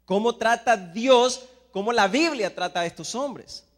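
A man from El Salvador with a Salvadoran Spanish accent, preaching a sermon, swinging between hushed asides and loud emphatic Bible readings. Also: sits high, animated, unhurried, long reverb tail.

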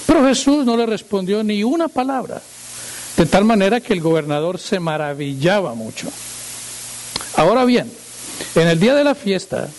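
A male pastor reading scripture aloud in a sermon and praying, slow and solemn, lifting his voice for quoted speech. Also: high-pitched, a little mellow, poor audio. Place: church.

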